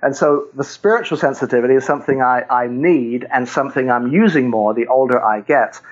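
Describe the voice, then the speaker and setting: An older man speaks as a guest on a faith talk show, walking through his points one by one. He tells short stories and chuckles as he goes. His voice sits at an ordinary pitch and comes through dull, lo-fi audio. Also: brisk. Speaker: guest author.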